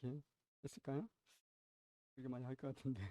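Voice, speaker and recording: A man preaching a sermon as pastor, telling a story with sharp swings between loud and quiet and asking the congregation questions. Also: mid-range voice, little pitch movement, quick pace, no echo, clean studio sound.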